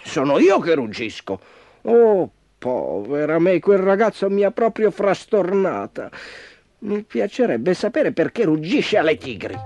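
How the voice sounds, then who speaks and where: A man's voice: high-pitched, huge pitch swings, a little slow, husky, no room sound, voice pushed up, exaggerated voice. A man voicing a vain, touchy female tiger in a children's storybook. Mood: flustered.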